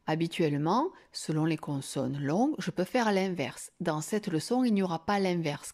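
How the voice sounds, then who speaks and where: A woman teacher leads a reading lesson for small children, drawing out each syllable at an unhurried pace. Her voice sits a little low and sounds soft and mellow. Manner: slow, drawn-out sounding of syllables.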